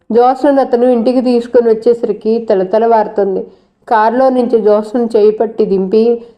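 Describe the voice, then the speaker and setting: A woman reading a novel aloud in a steady, measured storytelling style. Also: a little high, muffled recording. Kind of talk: audiobook narration.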